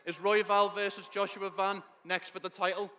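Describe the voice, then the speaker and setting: A male reporter asks questions at a press conference. His high voice is forceful and stays fairly even, over faint ambience. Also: moderate pace, a little hiss or hum.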